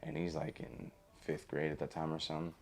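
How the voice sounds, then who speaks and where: A man's voice: rumbling low, level tone, brisk. A young man telling a long story in a rambling, casual podcast chat, full of swearing and fillers. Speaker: podcast host.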